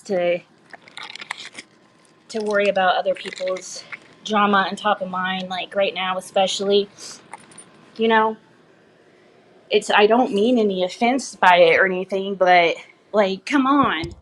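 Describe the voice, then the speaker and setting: A woman's voice: mid-range voice, measured pace, long pauses, a bit bright, slight background noise, poor audio. A woman chatting casually and bluntly to viewers on a livestream, rambling in a gossipy, sweary way.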